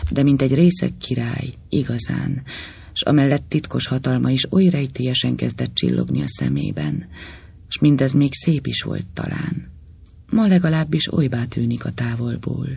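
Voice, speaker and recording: Male literary narrator, expressive, close dry recording. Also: medium pitch, gravelly, breathy edge, no echo.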